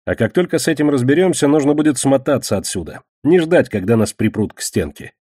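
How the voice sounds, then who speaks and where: A man narrating a first-person fantasy audiobook in an expressive, measured way. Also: mid-range voice, slightly rough, dry recording, clean studio sound.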